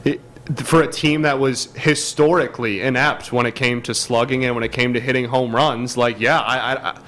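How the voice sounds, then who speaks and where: A man co-hosting a sports podcast, chatting casually and excitedly with many restarts and fillers. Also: medium pitch, moderate pace. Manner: excitable, stumbling restarts, lots of "like".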